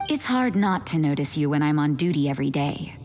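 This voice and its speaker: A woman's voice: deep voice, lively intonation, brisk, a little mellow, faint music behind. A woman voicing a stern, watchful woman on guard duty who speaks curtly, in a video game. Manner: curt, stern.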